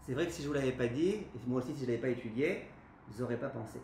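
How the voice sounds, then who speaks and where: A man, a rabbi, giving a lively spoken lesson to a class, often asking his listeners questions and then answering them himself. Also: medium pitch, rapid-fire. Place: classroom with a live audience. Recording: echoey room, faint background noise.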